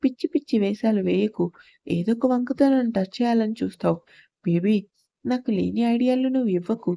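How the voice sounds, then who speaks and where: A woman's voice: a little high, a little fast, creaky, dark tone, no room sound, studio quality. A woman voicing a frightened, tearful young wife who pleads like a child in a storybook reading. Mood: annoyed.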